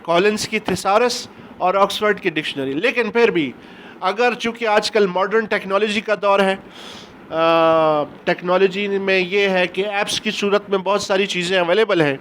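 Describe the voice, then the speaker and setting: A man, an English teacher giving a recorded lecture, explaining step by step and reading English passages slowly. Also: sits high, steady tone, a bit bright, slight background noise. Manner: explains step by step, often asks "ٹھیک ہو گیا؟".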